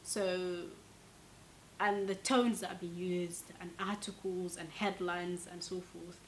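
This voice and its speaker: A woman from Somalia answers interview questions in a fairly low voice. She talks earnestly and presses her points with growing force. A faint hiss sits under the recording. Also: fairly even intonation, slow, rough recording. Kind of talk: documentary interview.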